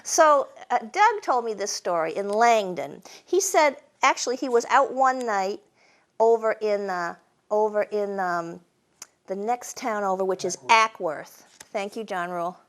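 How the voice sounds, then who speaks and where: A woman's voice: medium pitch, lively intonation, unhurried. A woman telling humorous stories to an audience in a folksy, wry, conversational way. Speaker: storyteller and humorist hosting a program. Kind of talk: live humorous storytelling to an audience.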